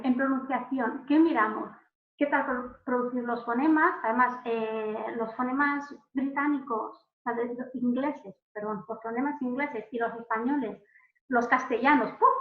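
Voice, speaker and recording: A woman from Spain, giving an informal online lesson as a language examiner, chatty, with many fillers and restarts. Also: high voice. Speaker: language proficiency examiner and teacher. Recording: phone-like audio in an echoey room.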